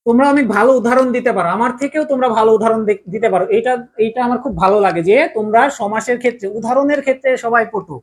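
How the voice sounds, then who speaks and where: A woman's voice: on the high side, racing, hardly any pauses. A woman teaching a casual grammar lesson, patiently repeating key points and asking the class rhetorical questions. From Bangladesh.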